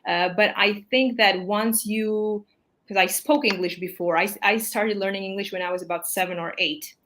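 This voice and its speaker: Hosting a relaxed live chat, this English teacher, a woman in her thirties with Armenian as her native tongue, talks in a chatty, apologetic manner loaded with fillers. Her voice is medium-pitched, steady and fairly bright at a normal speed, over a little hiss or hum.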